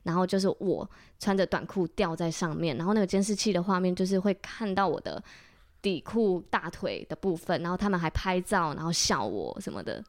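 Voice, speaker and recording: A woman's voice: on the low side, brisk, no room sound, clean studio sound. A young adult woman with a Taiwanese Mandarin accent, co-hosting a casual chat podcast and telling a story with acted-out lines. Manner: lively storytelling, acts out quoted lines. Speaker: podcast co-host.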